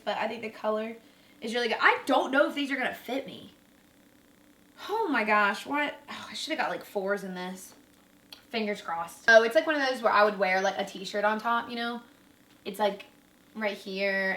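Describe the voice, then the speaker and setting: A woman's voice: mid-range voice, a little fast, a bit bright. Chatty young woman rambling through a clothes haul, kinda breathless, echoey room, sounds a bit far from the mic. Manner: bubbly, chatty, lots of fillers. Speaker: vlogger. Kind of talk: casual unboxing chat. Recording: roomy, from away from the mic.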